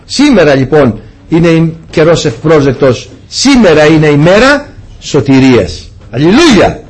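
A man preaching a sermon to his congregation, swinging between loud exclamations and hushed lines. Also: fairly high pitch, very animated, breathy edge.

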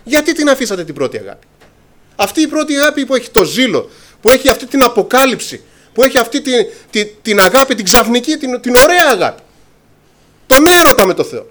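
A man's voice: very high voice, big pitch swings, a bit bright. A man preaching a sermon to his congregation, impassioned, often calling them brothers and acting out scripture dialogue.

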